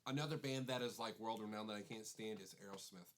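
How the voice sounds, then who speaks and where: A man's voice: on the low side, fast. A man co-hosting a casual podcast, speaking with blunt opinions, many hesitations and playful pushback. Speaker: podcast co-host. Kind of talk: casual chat.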